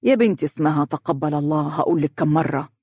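A man playing a calm, measured middle-aged father with an Egyptian accent. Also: fairly high pitch, breathy edge, dry recording, clean studio sound. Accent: Egyptian Arabic.

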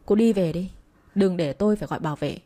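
A woman's voice: lowish voice, quick pace, warm tone, lightly acted. A woman reading the lines of a cold, arrogant young man in a spoken romance story, in a curt and dismissive manner.

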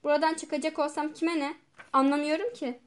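Brief: woman doing a frightened male doctor, pleading, high voice, storybook reading. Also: level tone, fairly quick, lightly acted. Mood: agitated. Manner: pleading, agitated. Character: trembling middle-aged male doctor, shaken.

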